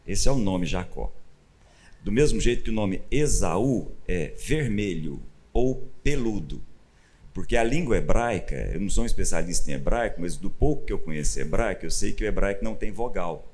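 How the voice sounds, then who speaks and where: A Brazilian man with a fairly low voice gives a conversational sermon from a church stage. He teaches in a relaxed, chatty way and grows animated as he acts out the people he quotes. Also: moderate pace. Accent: Brazilian Portuguese. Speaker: pastor.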